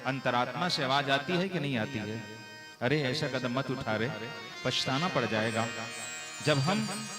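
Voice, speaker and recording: A man with a Chhattisgarhi Hindi accent preaching a devotional sermon at a live village gathering, earnest and emphatic, throwing rhetorical questions to his listeners. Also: mid-range voice. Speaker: Bhagavat katha preacher.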